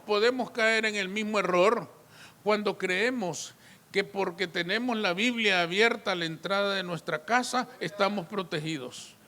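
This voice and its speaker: High bright-voiced preaching pastor. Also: male voice, big-room sound. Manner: emphatic preaching, repeated appeals to the congregation. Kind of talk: sermon.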